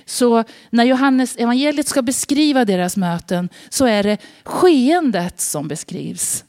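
A woman's voice: on the high side, expressive, darkish tone. A woman gives a sermon-style Bible teaching in an informal, conversational tone. She poses rhetorical questions and often breaks off to rephrase. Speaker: preacher.

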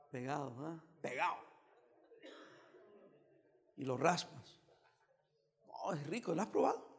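A pastor from El Salvador giving a joking, teasing sermon with bursts of emphasis. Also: male voice, a little high, gravelly, long reverb tail.

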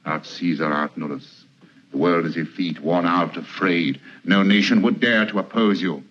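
A man's voice: low-pitched, normal speed, a bit bright, breathy edge, muffled recording. An actor playing a scheming male adviser who coaxes his leader, in 1940s film acting from an old film soundtrack. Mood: coaxing. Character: scheming male political adviser flattering a dictator.

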